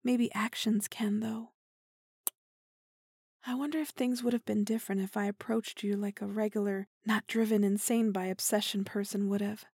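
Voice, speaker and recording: A woman playing an obsessive, possessive young woman who kidnapped her lover, speaking softly and intimately and often dropping to a whisper. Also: mid-range voice, flat delivery, moderate pace, husky, dry recording, clean studio sound. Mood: remorseful, tender. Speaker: voice actor in audio roleplay. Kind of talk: intimate listener-roleplay audio drama.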